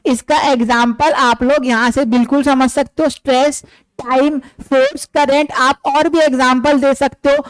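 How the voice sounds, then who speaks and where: A man's voice: extremely high pitch, flat delivery, normal speed, dry recording, low-quality recording. Male teacher lecturing, dry close sound. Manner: asks rhetorical questions and answers them himself; often addresses the listeners as dear students. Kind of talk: classroom physics lecture.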